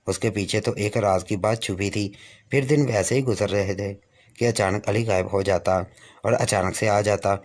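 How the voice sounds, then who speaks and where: A man narrating a first-person moral story in a steady, even way. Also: lowish voice.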